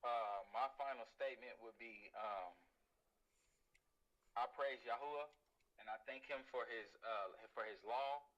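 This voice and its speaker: A man's voice: mid-range voice, unhurried, fairly bright tone, highs cut off. A man on a religious panel speaking sincerely, like personal testimony.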